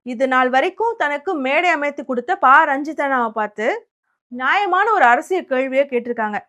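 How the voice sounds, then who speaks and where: Woman, high-pitched, political commentator, sarcastic, combative, rhetorical questions. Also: lively intonation, a little fast, a bit bright. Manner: sarcastic and combative, mockingly quoting opponents.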